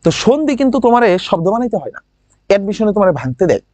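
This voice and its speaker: A man with a regional Bangladeshi lilt teaching a grammar class online. He drills words by saying them slowly again and again and keeps asking his students questions. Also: sits high, very animated, mellow, no room sound. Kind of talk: online admission-prep class.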